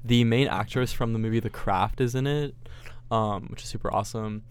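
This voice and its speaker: A young man co-hosting a podcast in casual chat, easygoing and quick to react and laugh. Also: on the low side, fairly even intonation, clear, resonant tone. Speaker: co-host. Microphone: studio microphone.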